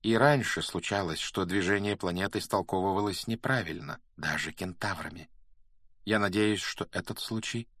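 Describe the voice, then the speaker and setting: Solemn storybook centaur, low and measured, read by a male narrator. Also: no echo. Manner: measured, grave and quiet.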